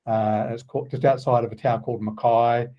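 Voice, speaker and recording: A man around sixty with an Australian accent, a guest telling stories in a relaxed, halting way with many ums. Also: mid-range voice, muffled recording. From Queensland, Australia. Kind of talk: casual interview chat.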